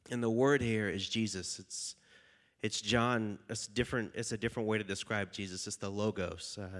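A young youth pastor with a stuffy, slightly nasal voice from a cold speaks on the low side. He preaches casually and jokingly to a youth group and reads scripture aloud.

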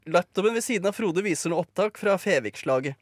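Male narrator for a live radio play, slightly higher voice, brisk and dry delivery, close and dry sound. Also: expressive, no room sound.

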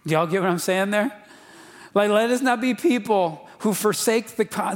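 Man, pastor, fervent casual sermon, slangy asides, somewhat high pitch, long hall reverb.

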